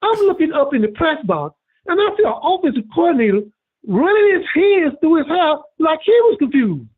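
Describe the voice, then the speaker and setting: Male caller, high husky voice, lively and preachy, tinny phone audio. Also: moderate pace. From Birmingham, Alabama. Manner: preachy, repetitive, animated storytelling. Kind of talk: call-in rant.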